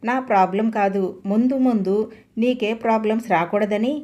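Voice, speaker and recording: A woman's voice: fairly high pitch, moderate pace, warm tone, lightly acted. Woman voicing hurt, firm older mother. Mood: pained, reproachful. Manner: earnest, reproachful. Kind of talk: audiobook story reading.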